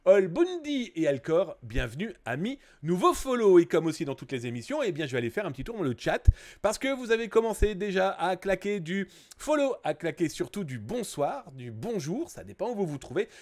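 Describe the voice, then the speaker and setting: A man's voice: high-pitched, sing-song, a little fast. A middle-aged man from France hosting a live stream, playfully joking and greeting viewers by name. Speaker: livestream host. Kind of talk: casual live stream chat.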